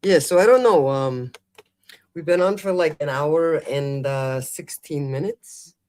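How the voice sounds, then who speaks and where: A man hosting an advice call-in show chats casually and colloquially, often checking that listeners follow and seeking their agreement. His voice is on the high side with a darkish tone, and he speaks a little slowly.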